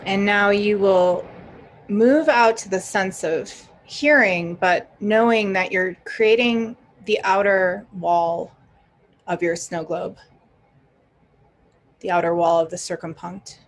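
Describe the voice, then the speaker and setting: This is a woman guiding a meditation session as its teacher, her voice mid-range and her intonation fairly even. Her instructions come gently and encouragingly, broken up by pauses.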